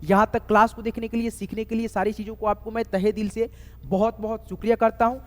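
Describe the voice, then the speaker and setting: A man teaching a spelling lesson, slowly spelling words letter by letter and often checking that viewers follow. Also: high-pitched, level tone. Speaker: online English tutor. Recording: echoey room with long reverb.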